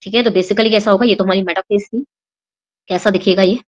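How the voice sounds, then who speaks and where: A woman's voice: medium pitch, fairly even intonation, brisk, muffled recording. A young Indian woman teaching a biology exam-prep lesson, explaining step by step and checking in with her students after each point. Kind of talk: exam-prep lesson, mixing Hindi and English.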